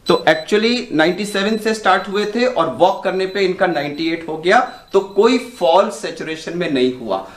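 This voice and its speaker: A man demonstrating breathing and walking tests in a calm, instructive way as a doctor. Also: high-pitched, normal speed, few pauses, echoey room, recorded from a distance, a little hiss or hum. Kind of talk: health demonstration talk. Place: indoor room.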